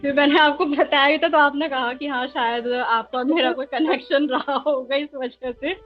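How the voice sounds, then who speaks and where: A woman tarot student chats casually about her experience in a testimonial, talkative but hesitating often with lots of fillers. Her voice sits high with a steady tone at a moderate pace, and the recording sounds muffled.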